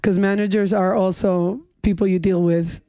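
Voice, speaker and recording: A woman's voice: mid-range voice, steady tone, moderate pace, warm tone, no room sound. A middle-aged woman from New York, chatting casually as a podcast guest and joking about her age. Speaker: music executive guest.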